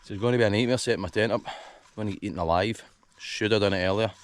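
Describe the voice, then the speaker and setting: A man's voice: lowish voice, rapid-fire, slight background noise. A Scottish man in a casual outdoor vlog, chatty and laid-back, tired after a hard hike, talking by a campfire. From Scotland. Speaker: outdoor vlogger. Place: outdoors by a campfire on a wooded shore.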